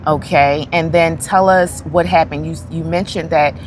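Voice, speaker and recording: A woman hosts a casual outdoor interview in an eager, upbeat way, filling pauses with ums. Her voice sits a little low. Faint street noise runs behind her. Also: fairly even intonation. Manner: upbeat, eager, many fillers. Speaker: interview host. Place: outdoors in a city.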